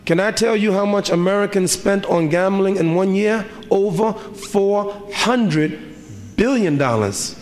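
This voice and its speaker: A man's voice: high voice, a little slow, a little mellow. A middle-aged man preaching a sermon as an imam, with a rhythmic delivery full of repeated rhetorical questions. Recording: reverberant hall, faint ambience.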